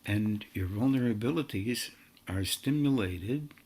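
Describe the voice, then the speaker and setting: A man giving a meditative spiritual talk in slow, halting, drawn-out phrases. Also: lowish voice, lively intonation, darkish tone, husky. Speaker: spiritual teacher.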